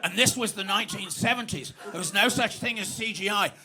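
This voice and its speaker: A man doing stand-up on a comedy club stage, spinning absurd stories that swing from flat to explosive. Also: high voice, fairly quick, background noise. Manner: absurd, deadpan-to-explosive storytelling. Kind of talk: stand-up routine. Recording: live club with audience laughter.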